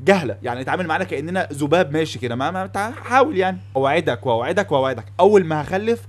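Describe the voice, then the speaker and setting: Young egyptian guy ranting through funny stories, talks super fast, kinda high voice. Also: slight background noise. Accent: Egyptian Arabic. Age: young adult. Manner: fast, animated, acts out both sides of the exchanges. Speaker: comedy podcaster. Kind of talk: comic storytelling monologue.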